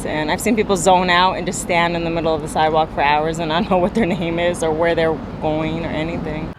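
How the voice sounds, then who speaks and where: A woman's voice: deep voice, flat delivery, noisy background. A woman interviewed outdoors, speaking casually and chatting about what she has seen. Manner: casual, fast-talking, chatty. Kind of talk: street interview.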